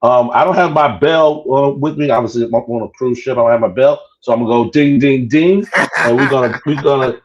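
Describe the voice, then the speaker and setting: A man's voice: medium pitch, fairly even intonation, fast, hardly any pauses, dull audio. A man hosting a casual podcast chat from a cruise ship, stammering and repeating his words. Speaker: podcast host.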